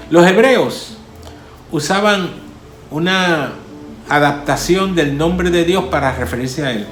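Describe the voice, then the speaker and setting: Echoey preaching pastor, man with a higher voice. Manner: preaching with repeated hallelujahs, swelling and falling in force. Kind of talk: sermon.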